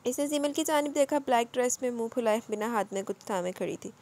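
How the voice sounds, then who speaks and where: A woman reading a romance novel aloud as narrator, in steady storytelling with small slips. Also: fairly high pitch, fast talker. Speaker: audiobook narrator.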